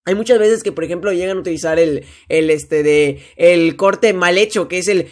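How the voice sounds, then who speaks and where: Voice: mid-range voice, normal speed. A young podcast host with a Mexican accent, chatting casually and rambling with lots of fillers.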